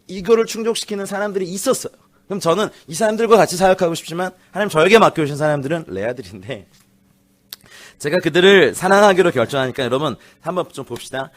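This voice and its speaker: Brief: male guest pastor, animated comic storyteller, slightly high voice, lively church sermon. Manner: animated, laughing storyteller, acts out teen voices. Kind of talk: lively sermon with acted quotes. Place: church sanctuary.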